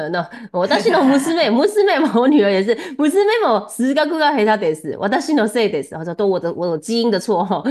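With a mid-range, darkish voice, a woman tutors a single student in Japanese. She is talkative and laughs frequently while working on pronunciation.

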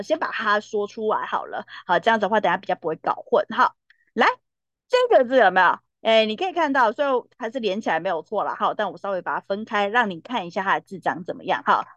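Lively woman teacher. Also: medium pitch, dry recording, muffled recording. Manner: lively, with many checking tags like "哈" and "对不对". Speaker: Korean language teacher. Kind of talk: classroom lesson.

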